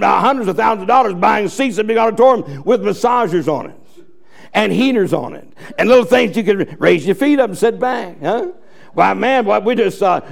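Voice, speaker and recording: Man preaching, high voice, gravelly, fiery, folksy, shouting at times. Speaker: pastor. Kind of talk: sermon.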